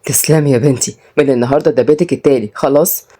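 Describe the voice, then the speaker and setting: A woman's voice: very deep voice, fairly even intonation, very fast, warm tone, voice pushed down. Woman doing a stern older father. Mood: kindly. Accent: Egyptian Arabic. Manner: commanding, gruff.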